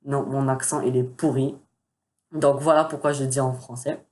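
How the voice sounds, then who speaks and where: A man's voice: medium pitch, flat delivery, normal speed, darkish tone. A man hosting his own gaming channel, giving a casual announcement video with lots of hesitant fillers and self-mocking asides into a desk microphone. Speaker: gaming YouTuber. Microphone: desktop USB microphone with pop filter.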